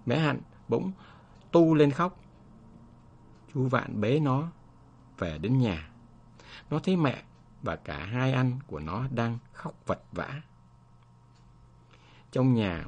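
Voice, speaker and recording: A man reading a story aloud in a husky, slightly breathy voice. His pitch swings in a lively way as he paces through the tale in a measured, expressive manner. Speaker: narrator. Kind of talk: storybook narration.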